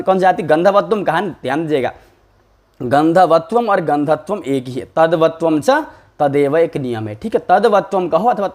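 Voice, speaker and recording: A man teaching a classical text, reading lines slowly and often asking his listeners if they follow. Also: on the high side. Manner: questions the listeners often and checks with "ठीक है?"; reads lines slowly, then explains them quickly. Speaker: Sanskrit teacher explaining a logic text. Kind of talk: lecture.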